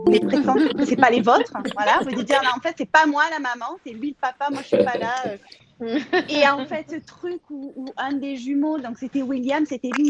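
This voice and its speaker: A woman's voice: high voice, noisy background. A woman in her thirties with a Marseille accent, chatting casually and hesitantly, with many fillers and restarts. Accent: Marseille French. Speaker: guest contributor. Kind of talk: casual chat. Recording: dull lo-fi audio.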